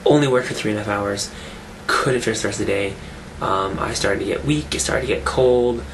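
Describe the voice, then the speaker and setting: In a casual weekly update, a man who vlogs about fitness talks a little fast, his low voice scratchy from a fading cold. He wanders and often starts his sentences over, with steady background hiss throughout.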